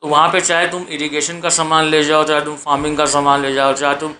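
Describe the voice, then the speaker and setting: Forceful, preachy Hindi-speaking man. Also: fairly high pitch, little pitch movement, quick pace, a little hiss or hum. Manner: preachy, repeats himself, fires rhetorical questions. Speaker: vlogger. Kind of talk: exhortative monologue. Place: sitting on a sofa at home.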